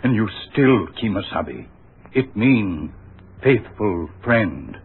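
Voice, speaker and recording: A slow, stoic Tonto on old radio. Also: male voice, fairly low pitch, very animated, creaky, breathy edge, exaggerated voice. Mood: calm. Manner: slow broken clipped speech. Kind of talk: 1940s radio acting. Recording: tinny lo-fi old radio broadcast.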